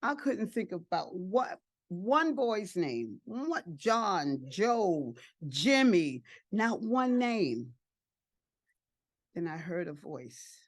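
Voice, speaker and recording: A woman's voice: lowish voice, sing-song, extremely slow, dry recording, studio quality. An older woman, an adoptive and foster parent, giving a heartfelt personal testimony and repeating phrases for emphasis. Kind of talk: emotional personal testimony speech.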